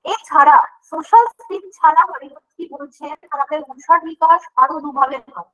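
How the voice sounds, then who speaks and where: A woman teaches an online class, her high, bright voice walking through each point. She poses questions and answers them herself. The stream audio is dull and lo-fi. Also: moderate pace. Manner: explanatory, asks and answers her own questions. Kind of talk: online lecture.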